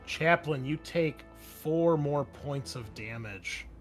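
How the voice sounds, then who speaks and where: The host of an actual-play show runs his tabletop game in a fairly high, expressive voice, taking things slowly. He narrates casually, with wry remarks and offhand swearing, while background music plays.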